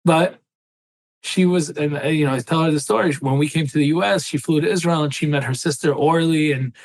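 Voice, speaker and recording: A passionate man in his thirties from Syria speaks on the high side at a brisk pace, recorded dry on a close mic with no echo. He's a guest telling personal stories in an interview, earnest and passionate, often tossing in "right?" asides.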